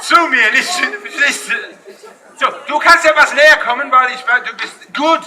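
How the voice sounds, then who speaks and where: A man working as a street performer, joking loudly with a festival crowd in broken German mixed with English, often shouting. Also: very high voice, measured pace. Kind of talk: live street show banter with the crowd. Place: outdoor town square at a street festival. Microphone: no mic, filmed from a distance. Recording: distant outdoor camera audio with crowd and noise.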